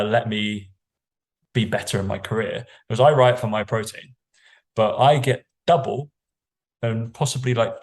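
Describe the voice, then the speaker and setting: A British man, a fitness coach, chatting casually on a podcast in a blunt, sweary, rambling way. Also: medium pitch.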